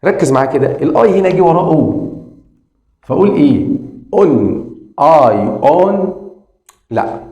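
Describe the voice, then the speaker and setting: A man with an Egyptian Arabic accent teaches English phonics to beginners, repeating sounds slowly and talking straight to the viewer. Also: on the high side, animated, dark tone, roomy sound. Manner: drills sounds slowly and repeats them, addresses the viewer directly.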